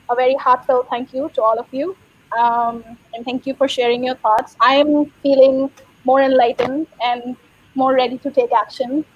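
A woman's voice: high voice, husky, muffled recording. A woman moderating an online panel, speaking in a friendly, appreciative way with fillers. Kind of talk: closing remarks of a panel.

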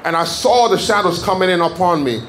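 A man from Jamaica preaching in a church, giving a fervent testimony that builds to shouted declarations. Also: high-pitched, lively intonation, a little fast, slight background noise. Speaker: guest preacher. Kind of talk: sermon testimony. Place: church sanctuary.

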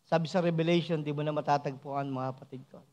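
A man, a church elder, preaching a sermon with frequent rhetorical asides, moving between soft asides and raised, emphatic passages. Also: fairly high pitch, steady tone, quick pace.

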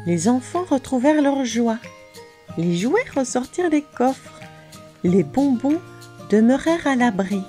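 A woman narrating a children's storybook in an expressive, lively manner. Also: sits high, unhurried, soft background music.

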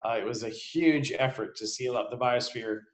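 A man's voice: medium pitch, moderate pace. A middle-aged man explaining things in a casual panel discussion over a video call, with fillers and restarts. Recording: echoey room on a video call.

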